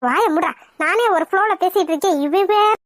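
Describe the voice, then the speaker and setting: Woman voicing a sharp-tongued young village woman. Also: very high-pitched, no room sound, studio quality. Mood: exasperated. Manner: scolding, quick retorts. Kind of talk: cartoon voice acting.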